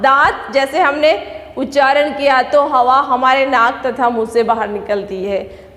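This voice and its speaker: Woman teacher, high voice, slow careful explaining, roomy echo with long reverb. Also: a bit bright. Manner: slow, explaining step by step, asks questions and answers them. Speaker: school teacher. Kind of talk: online grammar lesson for children. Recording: echoey room with long reverb.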